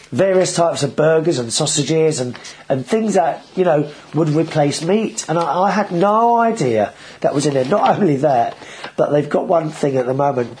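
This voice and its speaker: A man's voice: on the high side, darkish tone, a little hiss or hum, poor audio. A man hosting a casual video show, talking in a chatty, rambling way with frequent restarts. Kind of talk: casual vlog monologue.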